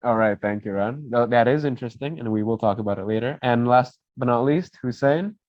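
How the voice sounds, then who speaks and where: A man's voice: mid-range voice, a little fast, no echo. A young man moderating a casual student video discussion, friendly and rambling. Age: young adult. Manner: friendly, rambling, self-correcting. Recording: dull dry lo-fi call audio.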